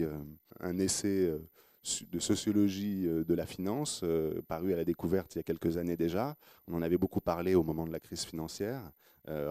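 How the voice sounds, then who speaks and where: Deep-voiced man with English accent. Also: mellow, no room sound, clean studio sound. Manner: hesitant, many fillers and restarts. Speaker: radio host. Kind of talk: radio panel introduction.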